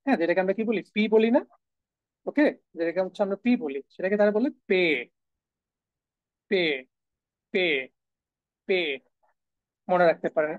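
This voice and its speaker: Teaching German live online, a woman with a fairly low voice repeats every sound multiple times and supplies answers to her own questions. The video call audio is narrow and tinny, with no echo.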